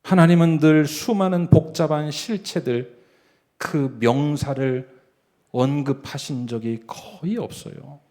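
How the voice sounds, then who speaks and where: A middle-aged man, a senior pastor, preaching a Sunday sermon in a church, telling a story in hushed tones and then building to emphatic calls. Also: a little high, a little slow. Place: church sanctuary.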